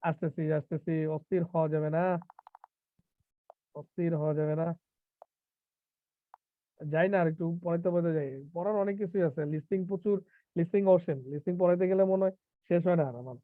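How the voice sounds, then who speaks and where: A man teaching an IELTS class live online, lively and teasing, mixing English terms into casual speech. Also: a little high, brisk, pauses often, no echo. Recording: tinny phone-like online call, dry.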